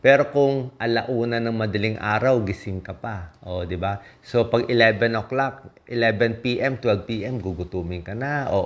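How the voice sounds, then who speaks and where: On a recording with the highs cut off, a man from the Philippines speaks in a lowish voice. He's a doctor sharing health tips casually and emphatically, delivering punchy lists and frequently asking listeners "di ba?"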